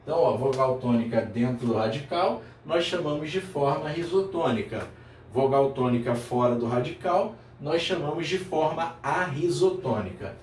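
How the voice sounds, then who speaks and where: A man's voice: a little high, expressive, a little mellow, far from the mic. A man with a Brazilian Portuguese accent gives a grammar lesson, calling the viewer his student and checking in often. His mid-range voice sits back from the microphone in an echoey room. A faint hum of room noise runs underneath. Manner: addresses viewer as "meu aluno", checks in with "tá legal?"; repeats key terms slowly for emphasis.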